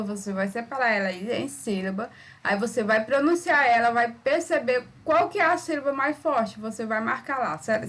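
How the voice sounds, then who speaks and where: Brazilian lady teacher doing a recorded class, slow careful explaining, keeps asking tá ok, kinda high voice. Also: a bit bright. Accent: Brazilian Portuguese. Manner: patient, repeats "tá ok?", pronounces words slowly. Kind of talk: recorded remote school lesson.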